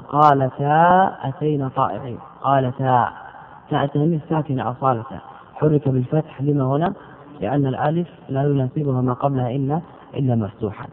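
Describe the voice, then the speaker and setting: A man teaching grammar line by line, stretching out example words and putting rhetorical questions to his students. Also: medium pitch. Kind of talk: explaining a grammar poem line by line. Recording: tinny phone-like recording.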